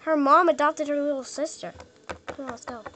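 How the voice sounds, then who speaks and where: A woman voicing a bossy, teasing girl in a toy skit, blunt and quick to complain. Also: sits high, fairly even intonation, pushed and bright, a little hiss or hum. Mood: chattering. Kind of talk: toy skit role-play.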